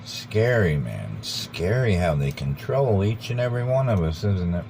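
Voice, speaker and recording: An American man giving an informal, rambling monologue, earnest and deliberate, repeating phrases for emphasis. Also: very animated, vocal fry, darkish tone. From United States. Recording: background noise with vehicle rumble.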